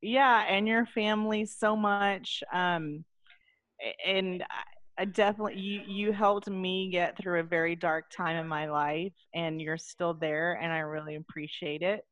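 A woman's voice: lowish voice, steady tone, measured pace, fairly bright tone, no room sound. A woman hosting a podcast, chatting in an effusive, affectionate way with her guest. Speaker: podcast host. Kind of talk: casual interview chat.

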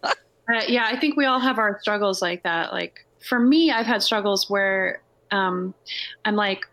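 A woman musician in loose conversation, her thoughts spilling out in a meandering way. She leans on fillers and circles back as she talks, at an ordinary middle pitch. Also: measured pace, fairly bright tone. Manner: rambling, full of "like" and "you know". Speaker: songwriter and musician. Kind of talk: casual conversation.

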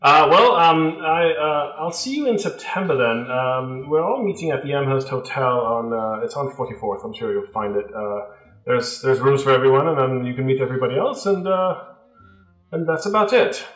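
A man voicing a jolly British expedition leader with a put-on British accent, hearty and halting. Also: mid-range voice, fairly bright tone, roomy sound, faint music behind, lightly acted, rough recording.

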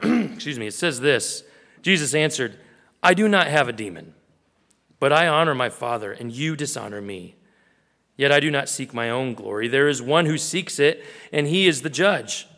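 A male pastor preaching a sermon earnestly, acting out small scenes in a quieter voice. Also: medium pitch, lively intonation, normal speed, big-room sound.

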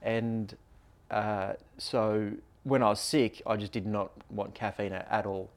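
A man's voice: lowish voice, level tone, unhurried. A man co-hosting a podcast, explaining things in a loose, rambling, casual way. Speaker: podcast co-host.

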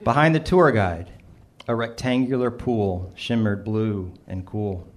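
A man's voice: lowish voice, a little mellow. A middle-aged man reading his own humorous personal essay aloud, with a dry, self-mocking delivery. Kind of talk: first-person storytelling, wry and humorous.

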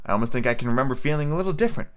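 A man's voice: medium pitch, expressive, racing, a bit bright, clean tone, lightly acted. A man voicing Alice, a fussy, puzzled little girl who talks to herself. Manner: prim and fretful, talking to herself.

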